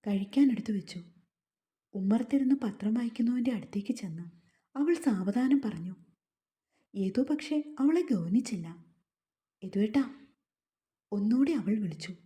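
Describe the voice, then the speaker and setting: A woman storyteller reading a romance novel aloud at a steady, calm pace. Her voice is slightly high for a woman, yet very mellow and dark in tone. The delivery is smooth and scripted. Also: normal speed. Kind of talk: scripted audiobook narration.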